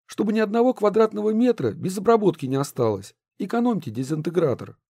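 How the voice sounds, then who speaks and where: A man's voice: sits high, lively intonation, fast, mellow, breathy edge, no echo, studio quality, pitched above the performer's own voice, exaggerated voice. A man reading a storybook, voicing a cocky boy who leads a gang and gives blunt orders. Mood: brash. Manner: brash, ordering.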